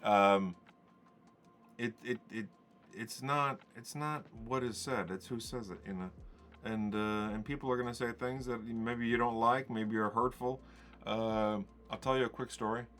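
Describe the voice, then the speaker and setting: A man's voice: medium pitch, fairly even intonation, a little slow, a bit bright, faint music behind. A man telling stories on a podcast in a rambling, conversational way, acting out the dialogue he quotes. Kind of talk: casual podcast storytelling.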